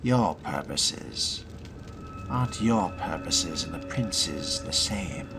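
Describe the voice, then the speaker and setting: Over loud background music, a man role-plays a wry, inquisitive young male vampire fledgling with refined diction, speaking slowly and low in game narration and dialogue. His heavily acted, expressive delivery is articulate, musing, and sardonic, with a probing mood.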